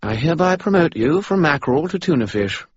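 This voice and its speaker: Guy doing a smug skull spirit, high and mocking, goes way up and down, kinda muffled audio. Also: very animated, a little fast, husky, no echo. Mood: sarcastic. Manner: sarcastic, patronizing. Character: wisecracking male spirit in a skull.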